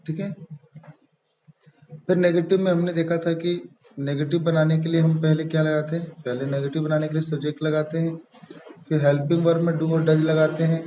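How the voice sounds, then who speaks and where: Male tutor, dark mellow tone, patient repetitive delivery, echoey slightly dull recording. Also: a little high, a little hiss or hum. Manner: patient, repeats key terms, frequent "ठीक है" checks. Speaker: English grammar teacher. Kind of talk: step-by-step classroom explanation.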